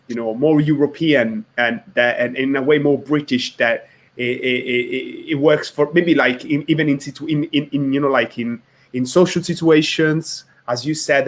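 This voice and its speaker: Man, podcast interviewer, mid-pitched, halting and repetitive questions. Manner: searching for words, repeats himself. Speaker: podcast host.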